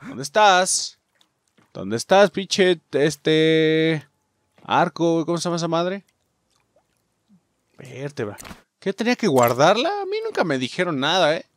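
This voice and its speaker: A man's voice: fairly high pitch, big pitch swings, slow, pauses often, no room sound. A man with a Mexican accent commenting casually on a video game, joking, swearing, and talking to his viewers. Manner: profane, joking, talks to viewers as "muchachos". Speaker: gaming YouTuber. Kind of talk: casual let's play commentary.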